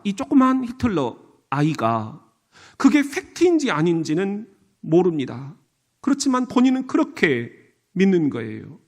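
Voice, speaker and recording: A middle-aged pastor with a Chungcheong Korean accent delivers a sermon in a high, lively voice. His pitch swings widely as he preaches, and he slips into playful imitations of regional dialects.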